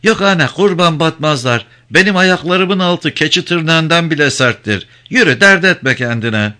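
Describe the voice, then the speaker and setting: A man doing a high, earnest old village woman. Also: lively intonation, normal speed, sharp tone. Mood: reassuring. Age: 50s. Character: poor barefoot old village woman searching for her son.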